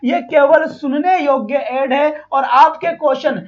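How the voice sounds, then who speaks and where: A man leads a live online exam-prep class in a high, light voice. He repeats every point, fires questions at his students and keeps praising them. The stream audio is dull and muffled. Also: a little slow. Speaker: teacher.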